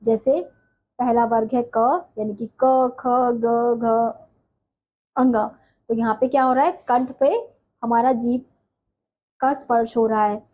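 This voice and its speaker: A woman's voice: a little high, fairly even intonation, slow pace, long pauses, dark tone, muffled recording. A woman teaching a Hindi grammar lesson, who asks her class questions and answers them herself.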